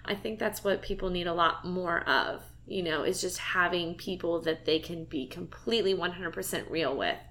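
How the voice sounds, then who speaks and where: A woman's voice: medium pitch, sharp tone. A woman hosting a podcast conversation, speaking earnestly and reflectively with a friend. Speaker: podcast host. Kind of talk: casual heartfelt conversation.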